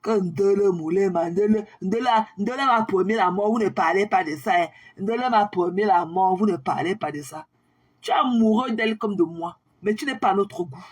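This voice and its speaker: Scornful husky-voiced woman ranting. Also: medium pitch, normal speed. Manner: scornful, taunting, mixes in English phrases. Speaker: social media livestreamer. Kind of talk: ranting monologue to viewers.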